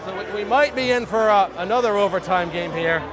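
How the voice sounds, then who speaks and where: A man in his thirties doing play-by-play for a high school basketball game, excited and short of breath, shouting at the big plays. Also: brisk. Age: 30s. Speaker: play-by-play announcer. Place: school gymnasium. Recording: crowd noise in a gym. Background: loud cheering crowd.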